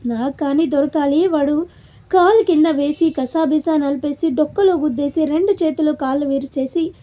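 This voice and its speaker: Storybook spitfire, fierce and quick to anger, voiced by a woman. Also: sits high, dark tone, lightly acted. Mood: enraged. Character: fiery, hot-tempered young woman.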